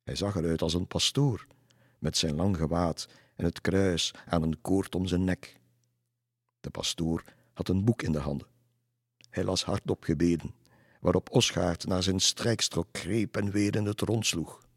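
A man reading a folk tale aloud in a measured way. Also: sits low, steady tone, slightly rough, no room sound, studio quality. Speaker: narrator. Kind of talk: storybook narration.

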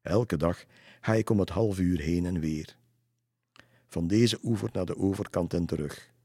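A man's voice: sits low, unhurried, warm tone, husky, no echo, studio quality, heavily acted. A man voicing a lonely middle-aged ferryman, telling spooky stories in a chatty way in a storybook reading.

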